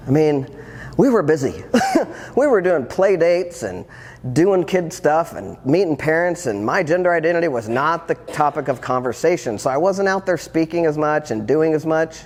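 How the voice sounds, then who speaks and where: Man, 50s, coach and speaker, reflective storytelling, a bit high-pitched, in a reverberant hall. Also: slight background noise. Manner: earnest, reflective, with wry humor. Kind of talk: personal storytelling talk. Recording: long hall reverb, faint ambience.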